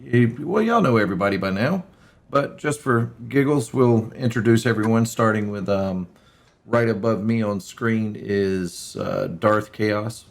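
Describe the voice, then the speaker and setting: A man's voice: lowish voice, unhurried, creaky. A man hosting and narrating a tabletop game as game master, talking casually with plenty of fillers and laughs.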